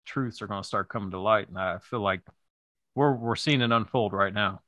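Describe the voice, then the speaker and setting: A man hosting a podcast with a bright, forward tone and a dry, close sound. He talks in a laid-back, agreeable way and laughs easily, still a young adult. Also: fairly low pitch, moderate pace, no room sound. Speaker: podcast host. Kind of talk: casual podcast chat.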